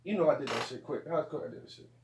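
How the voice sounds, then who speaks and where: Male rapper as podcast guest, high voice, profane and excitable, heard off-mic in an echoey room. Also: racing, far from the mic. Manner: profane, animated, laughs a lot, many restarts. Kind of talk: casual podcast chat. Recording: roomy, off-mic, faint noise.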